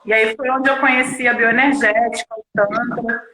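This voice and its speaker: A woman's voice: a little high, fairly even intonation, moderate pace, bright, forceful tone. A woman guest on a live stream talking about her work in an earnest, explanatory way. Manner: nervous at first, then earnest and explanatory. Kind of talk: casual interview. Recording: echoey room.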